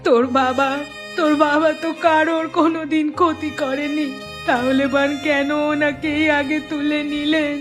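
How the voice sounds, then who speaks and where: A woman's voice: high-pitched, level tone, normal speed, close to an everyday voice. A woman voicing a poor village mother in a cartoon story, worried and fussing over her family, with music behind her. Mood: grieving. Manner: pleading, fussing, scolding. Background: background music.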